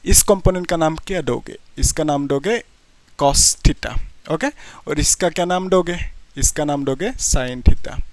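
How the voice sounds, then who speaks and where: A man's voice: fairly high pitch, unhurried, dry recording. A young man teaching a physics lesson step by step, often putting questions to students and checking they follow. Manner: explains step by step, keeps asking students questions and checking with "ठीक है".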